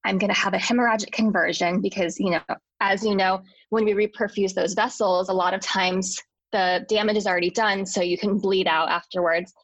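A woman's voice: mid-range voice, fairly even intonation, moderate pace, no room sound, rough recording. Woman telling a story, dry sound. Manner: earnest storytelling with restarts and medical terms. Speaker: interview guest, hospital worker. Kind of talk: personal story in conversation.

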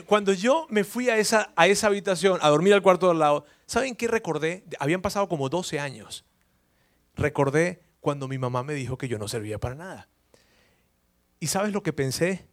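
A man's voice: fairly high pitch, a bit bright. A man preaching a sermon through personal story, emotional, repeating words and asking the congregation questions.

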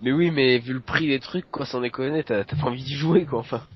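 Blunt, grumbling podcast co-host. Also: male voice, medium pitch, a little fast, lo-fi sound, heavy background noise. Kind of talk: casual chat.

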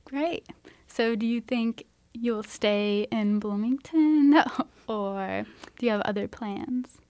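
A woman's voice: on the high side, takes it slowly, darkish tone, clear, resonant tone, no echo. A woman hosting a local radio interview, asking her guests questions in a curious, friendly way. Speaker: radio host. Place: radio studio.

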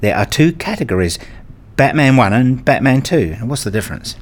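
Here the man's voice sits at medium pitch, very animated and moderately paced. Narrating and playing the lead in a radio play, he is a brooding husband and father fixated on rules, delivering first-person narration and dialogue in an introspective, pedantic manner.

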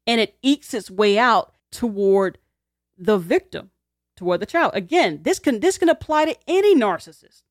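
A woman's voice: on the high side, no echo, studio quality. A woman who teaches, talking through ideas conversationally, acting out quoted lines and laughing in her asides. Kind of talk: explanatory talk to camera.

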